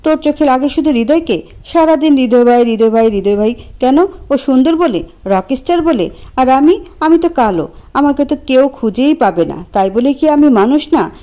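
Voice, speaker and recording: A woman's voice: sits high, lively intonation, moderate pace, dark tone, pitched above the performer's own voice. A woman voicing a hurt, lovesick young man. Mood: hurt, shouting.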